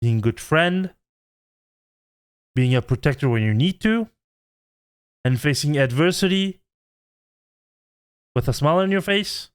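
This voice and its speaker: A man's voice: fairly high pitch, animated, unhurried, long pauses, smooth. A man in his twenties, a channel host, giving an earnest, pleading vlog rant. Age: 20s.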